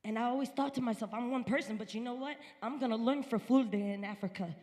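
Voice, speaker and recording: A woman's voice: fairly high pitch, fast, a little mellow, big-room sound. A woman from upstate New York giving an earnest, emphatic personal testimony at a church service. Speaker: guest speaker at a church service. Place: church sanctuary.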